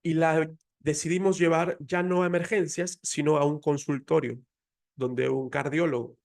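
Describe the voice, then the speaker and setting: A man's voice: a little high, little pitch movement, normal speed, vocal fry. A man with a Mexican Spanish accent giving an emotional, earnest faith talk, telling a personal story. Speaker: faith speaker.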